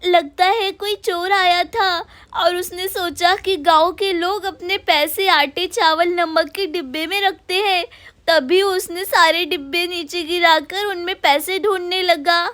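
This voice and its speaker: A woman voicing a busy, put-upon young village daughter-in-law in a doll cartoon, hurried and complaining. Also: very high-pitched, fairly even intonation, a bit bright, no room sound.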